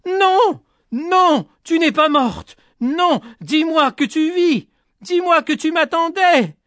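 A man doing a frantic young peasant shouting. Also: extremely high pitch, lively intonation, slow, no echo, pitched above the performer's own voice, heavily acted. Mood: desperate.

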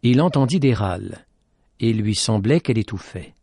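A man's voice: fairly low pitch, expressive, normal speed, vocal fry, warm tone, breathy edge, dry recording. Radio guy narrating a story, dramatic reading, dry close sound.

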